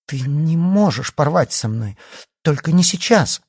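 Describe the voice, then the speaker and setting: A man doing a shrill spoiled teen girl. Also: lively intonation, unhurried, slightly rough, dry recording, clean studio sound. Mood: pleading. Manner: high, loud and indignant. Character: spoiled teenage girl, pushy and vain. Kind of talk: audiobook character voice.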